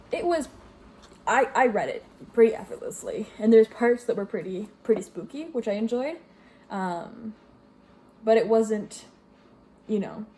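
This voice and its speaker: A woman's voice: medium pitch, dark tone. A young woman from Greece casually reviewing books she read, rambling with fillers and correcting herself. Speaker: book vlogger. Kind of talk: casual book review chat. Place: home with washing machine running.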